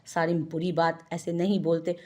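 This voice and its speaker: A woman's voice: lowish voice, little pitch movement, moderate pace, warm tone, lightly acted. A woman reading the lines of a hot-tempered young woman who scolds and threatens in an irritated way. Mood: annoyed.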